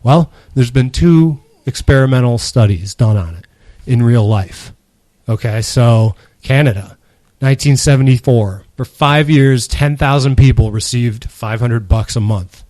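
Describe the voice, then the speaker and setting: A man's voice: medium pitch, measured pace, mellow, no echo. A man co-hosting a podcast, casually explaining an idea at length with easy laughs. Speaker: podcast co-host. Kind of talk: casual chat.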